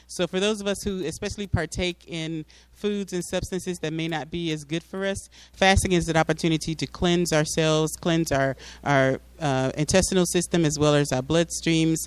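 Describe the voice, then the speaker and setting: A man with a slightly high, steady, clear and resonant voice speaks at a moderate pace with few pauses, recorded dry. He is a public speaker at a mosque giving an informal explanatory talk with slides to a community audience, often repeating words while searching for the right phrasing.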